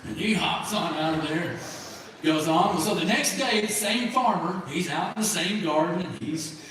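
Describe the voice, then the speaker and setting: A higher-voiced man hosts a live show, telling folksy jokes with a lot of repeating. He is heard from far off across a large room, with heavy echo and steady background noise. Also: normal speed. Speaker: event host telling jokes. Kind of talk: live stand-up joke telling.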